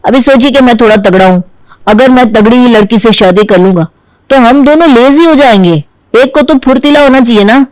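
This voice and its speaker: A stubborn chubby young man from a cartoon, whining and arguing over every point. His voice sits high for a man and sounds dry and close, with no room around it. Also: fairly quick, no echo, poor audio. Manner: whiny, argumentative. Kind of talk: Hindi cartoon dubbing.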